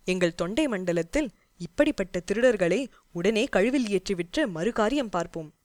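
A woman voicing a bold young male warrior envoy who speaks in rapid, defiant outbursts. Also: medium pitch, expressive, darkish tone, no room sound, natural voice. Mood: indignant.

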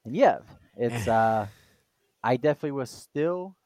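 A man's voice: medium pitch, animated, normal speed, darkish tone, no room sound. A man co-hosting a casual podcast who rambles with many fillers and restarts. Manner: rambling, hesitant, full of fillers. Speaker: podcast co-host.

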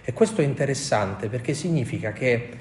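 A man's voice: mid-range voice, animated, fairly quick, a little mellow, slight background noise. A man preaching a sermon with passion, climbing to emphatic peaks and acting out short quoted cries. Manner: impassioned, rising to emphatic peaks, quoting voices. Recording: echoey room.

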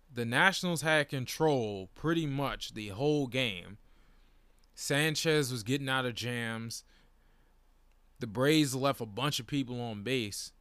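A young man recapping games in a loose, casual fan rant, swinging between letdown and excitement. His voice is smooth and clear, with a middle pitch. The sound is dry and close, with no room around it. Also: no echo.

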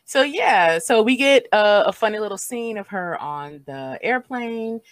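A woman's voice: mid-range voice, expressive, unhurried. A woman co-hosting a podcast, chatting casually about a movie, laughing often and using lots of fillers. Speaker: podcast co-host. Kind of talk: casual movie discussion chat.

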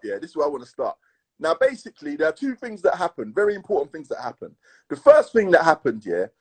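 A man with a London roadman accent telling stories in casual, slangy chat, emphatic and repetitive, with a husky voice. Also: sits high. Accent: London urban, roadman. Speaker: podcast co-host.

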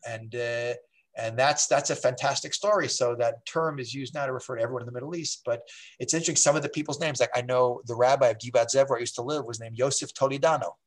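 A man, a rabbi, explaining history in a relaxed, digressive way, with many fillers and restarts. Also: mid-range voice, fast talker.

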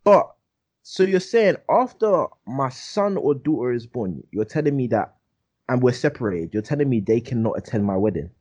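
A man's voice: mid-range voice, very animated, normal speed, darkish tone. A young man with a London roadman accent hosting a casual, slang-heavy chat, repeating phrases for emphasis. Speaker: podcast host.

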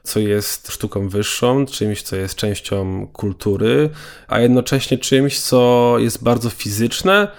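A man being interviewed as a documentary maker, explaining things in a measured, detailed way. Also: medium pitch, creaky. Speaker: documentary filmmaker guest.

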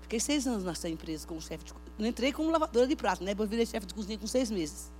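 A woman preaching a Pentecostal sermon at a church service, emphatic, swinging between loud outbursts and hushed talk. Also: medium pitch, lively intonation, rapid-fire, slight background noise.

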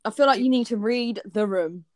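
A woman's voice: on the high side, moderate pace, darkish tone, dry recording, clean studio sound. A young woman, co-hosting a podcast in casual, candid chat full of "like". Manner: chatty, fillers like "like", candid. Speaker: podcast co-host.

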